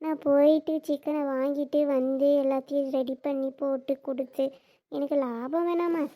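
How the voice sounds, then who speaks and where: A woman's voice: sits high, steady tone, normal speed, dull audio. A woman voicing a frazzled young woman running a chicken stall, chatty and complaining, with a southern Tamil Nadu accent. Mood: chatty, grumbling.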